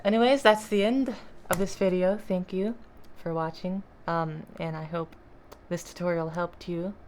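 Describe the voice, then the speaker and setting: A woman explaining a guitar piece in a casual tutorial, relaxed and self-deprecating, trailing off with fillers. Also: lowish voice, measured pace, slight background noise. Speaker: guitar teacher. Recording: guitar playing loudly behind. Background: acoustic guitar.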